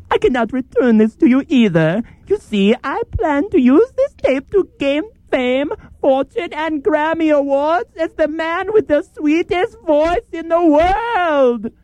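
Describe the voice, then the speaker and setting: A man's voice: very high voice, big pitch swings, slow, few pauses, a little mellow, no echo, exaggerated voice. A man playing a gloating, grandiose swami villain in a comedy audio drama, with a pompous, theatrical delivery.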